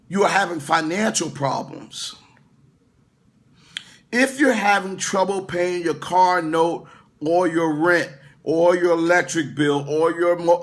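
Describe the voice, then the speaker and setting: A middle-aged male pastor giving an informal livestream sermon, talking straight to his viewers with lots of restarts and asides. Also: high voice. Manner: conversational, stammering restarts, talks to viewers in comments. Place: indoor room away from his usual location.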